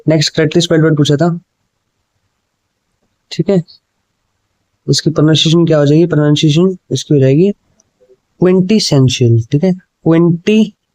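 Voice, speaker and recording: A man's voice: on the high side, darkish tone, dry recording. Man teaching English exam questions in Hindi. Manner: explains in Hindi with English words, often says "ठीक है" and "भाई"; reads exam sentences slowly, word by word.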